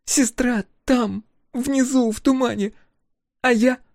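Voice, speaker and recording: A woman's voice: a little high, fairly even intonation, slow pace, darkish tone, no echo, studio quality, voice pushed up. A man voicing a fierce, bitter young woman scientist whose voice breaks in anger. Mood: anguished. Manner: cutting, angry, voice breaking.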